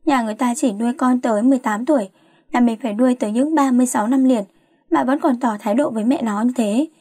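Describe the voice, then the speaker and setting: A woman's voice: a little high, quick pace, warm tone, breathy edge, no echo, studio quality. A woman doing a nagging, fussy mother. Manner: nagging, scolding. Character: nagging middle-aged mother, fussy and worried.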